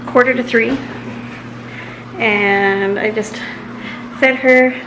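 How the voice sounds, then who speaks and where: A woman's voice: on the high side, steady tone, slow. Young mother vlogging with background noise. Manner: matter-of-fact, counts minutes and times. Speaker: vlogger parent. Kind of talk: casual vlog narration. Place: home.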